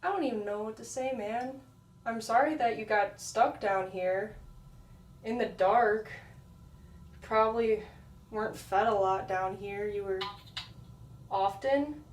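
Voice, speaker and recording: A young American woman on a ghost hunt, nervous and slangy, talking softly to spirits in a dark old prison. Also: mid-range voice, a little slow, pauses often, roomy sound, far from the mic. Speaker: paranormal investigator. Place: dark echoing old prison cell block.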